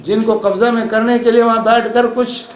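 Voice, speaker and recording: High-pitched man lecturing in an echoey hall. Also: normal speed. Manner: calm explanatory, repeats points for emphasis. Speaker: Islamic lecturer. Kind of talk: lecture with audience questions. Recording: echoey hall with faint noise.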